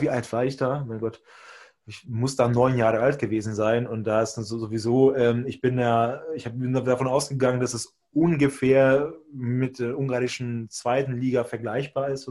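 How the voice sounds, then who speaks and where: A man's voice: mid-range voice, a little mellow. A man from Hungary, a native Hungarian speaker, co-hosting a podcast and telling a long personal story in a rambling, self-correcting way. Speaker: podcast co-host. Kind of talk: casual chat, personal storytelling.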